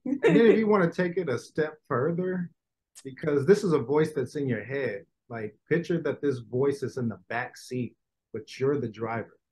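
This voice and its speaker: A man guest on a podcast, a healer, explaining things calmly in casual chat. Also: medium pitch, moderate pace, rough recording.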